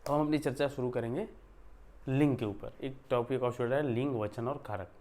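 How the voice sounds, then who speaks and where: A man's voice: medium pitch, fairly even intonation, fairly quick, darkish tone. A man teaching a grammar lesson in a conversational way, often checking in with his listeners and stressing words to show emphasis. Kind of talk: explanatory online lesson.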